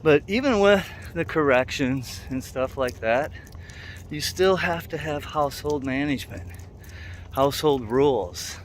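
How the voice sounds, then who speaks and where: A man's voice: fairly high pitch, a little slow. A man talking casually while out walking, in a rambling, plain-spoken, conversational way as a dog trainer making a vlog. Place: outdoors, walking in a neighborhood. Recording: outdoor ambient street noise.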